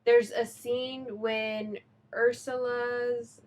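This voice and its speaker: A woman co-hosting a podcast in casual chat, reacting quickly and laughing along. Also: on the high side, level tone, a little mellow. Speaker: podcast co-host.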